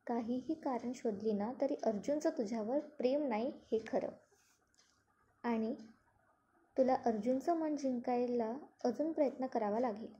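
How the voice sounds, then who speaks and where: A woman's voice: on the high side, normal speed, dark tone, lightly acted. A woman voicing a teasing, mocking young woman in a spoken serial recap, in a slightly muffled recording. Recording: slightly muffled, faint noise.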